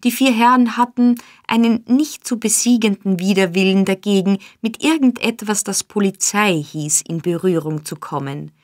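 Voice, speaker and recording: A woman narrating a classic novel as an audiobook, in a measured, even storytelling manner, on a close studio mic. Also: mid-range voice, no echo. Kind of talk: scripted narration.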